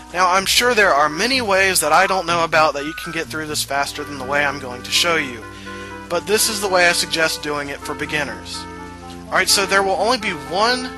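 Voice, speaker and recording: With a slightly high voice captured on a low-quality recording, a let's play host from the Southern US offers laid-back game walkthrough commentary packed with asides and fillers, and game music can be heard behind him.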